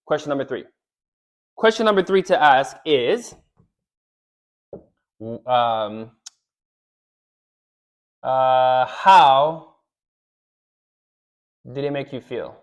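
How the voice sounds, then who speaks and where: A man giving relationship advice straight to the camera, animated, often checking in with "right?" and acting out what a wife might say. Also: mid-range voice, extremely slow, long pauses. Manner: animated, repeats "right?", acts out quoted lines. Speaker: relationship coach. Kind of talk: direct-to-camera advice talk.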